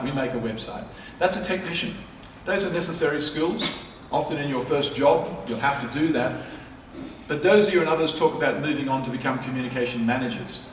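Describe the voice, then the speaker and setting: A professor with a medium-pitched, slightly bright voice gives a public lecture in a large university lecture hall, speaking emphatically and persuasively and repeating key phrases for stress. The distant mic captures an echoey hall with faint noise.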